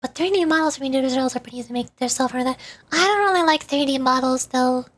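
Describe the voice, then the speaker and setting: A woman VTuber streamer with a high voice talks fast, chatting casually with livestream viewers in a rambling, playful way and often repeating words. Music plays in the background.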